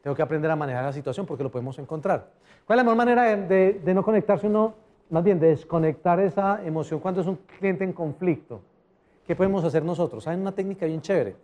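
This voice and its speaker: A man giving a lively customer service seminar, often putting questions to the audience. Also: high voice, fast talker. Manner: animated, asks the audience questions. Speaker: motivational speaker.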